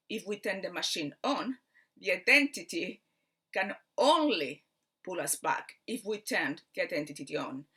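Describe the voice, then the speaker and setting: A woman from Spain with a Spanish accent gives a spiritual teaching talk in a bright, clear voice sitting a little low in her range. Like a mind coach, she is earnest and patient, pausing on fillers as she explains things step by step.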